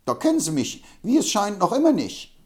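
A man reading an audiobook, voicing an excitable, boastful older man who gets angry fast and speaks shrill and loud. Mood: agitated.

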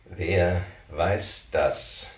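A man voicing a cautious, suspicious oil prince who speaks slowly and hesitantly, in a storybook reading. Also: deep voice, fairly even intonation. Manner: slow, hesitant. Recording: roomy, distant mic.

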